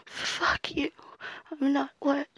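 A young woman voicing a sharp-tongued, mean young female student who swears freely and shifts between defiance and pleading in an audio roleplay. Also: sits high, completely flat delivery, slow, no echo, full character voice. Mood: tearful pleading. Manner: profane, alternating defiance and pleading. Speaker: voice actor.

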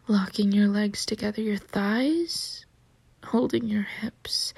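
A woman voicing a seductive, menacing succubus in a whispered role-play, teasing and dominant, with a breathy, husky whisper. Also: mid-range voice, darkish tone, dry recording, heavily acted. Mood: taunting, menacing. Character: seductive, menacing female succubus taunting her prey.

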